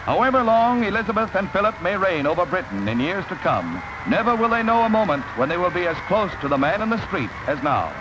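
A man narrating an old newsreel in a brisk, upbeat announcer style. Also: high voice, big pitch swings, background noise. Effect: old newsreel sound. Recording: dull lo-fi 1940s newsreel with music.

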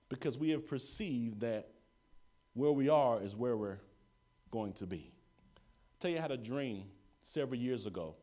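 A man preaching a sermon to his congregation, animated and storytelling, calling for amens and dropping to hushed tones. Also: on the high side. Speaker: pastor.

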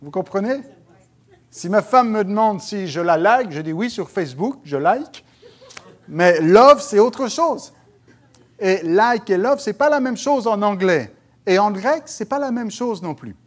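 Pastor guy giving a sermon, kinda high voice, jokes around with the crowd. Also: measured pace. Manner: animated, joking asides to the congregation.

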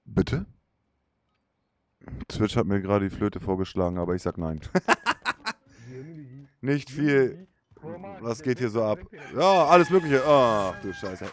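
A man streaming games live, chatting casually with viewers in a slangy, excitable way and a slightly hoarse voice. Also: mid-range voice, slow pace, pauses often. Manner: slangy, excitable, prone to loud outbursts. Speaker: Twitch streamer. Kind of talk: casual live-stream chat over gameplay.

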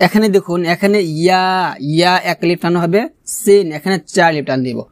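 A man with a Bangladeshi Bengali accent teaching Quran pronunciation, explaining quickly and then drawing out each recited word slowly. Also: sits high, no echo. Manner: alternates quick explanations with slow, drawn-out recitation.

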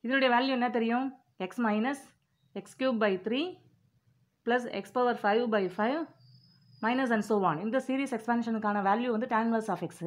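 A woman teaching an exam-prep maths lesson, working through formulas step by step and reading each term slowly and deliberately. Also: a little high.

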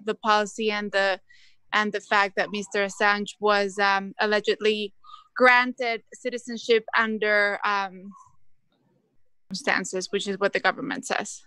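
Bright crisp-voiced journalist woman, hesitant. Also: mid-range voice, no echo. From Ecuador. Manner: careful, hesitant with pauses. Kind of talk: press question on video call.

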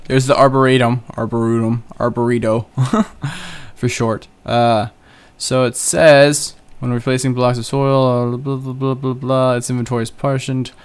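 Here a gaming channel host narrates his own game in relaxed Let's Play style, rambling and chatting while poking fun at himself. The young man's voice is medium in pitch, smooth, steady in tone, and moves at a normal speed.

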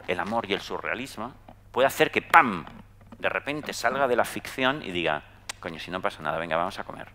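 A middle-aged man from Spain with a Spanish accent, giving a talk to an audience in a chatty, storytelling way, often tagging his sentences with quick questions. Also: fairly low pitch. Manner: conversational, tag questions, lively storytelling. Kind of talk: anecdotal talk to a live audience.

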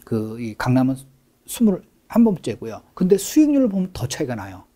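A man's voice: medium pitch, huge pitch swings, fairly quick, dark tone. A middle-aged man, a real estate expert guest, explaining things in an interview with emphatic stress on key words.

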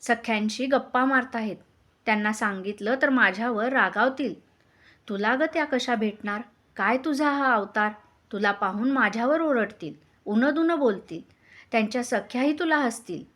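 Woman doing a nervous palace maid, bit high pitched. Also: moderate pace, fairly bright tone. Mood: wary. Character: anxious palace maidservant, humble.

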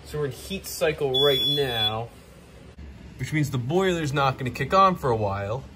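A man in his thirties, an HVAC technician, narrates his workday in loose, off-the-cuff vlog style, sometimes muttering to himself, with a phone held at arm's length in places like cramped boiler basements. His medium-pitched voice is bright and forceful, with lively intonation and normal speed. There's slight background noise.

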